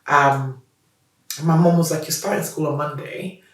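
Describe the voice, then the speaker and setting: In a roomy recording with a far-off mic, a business founder from Nigeria shares her story candidly in an interview. She has a light Nigerian accent and a low-pitched voice at a moderate pace, sounding animated, laughing frequently, and often starting sentences over.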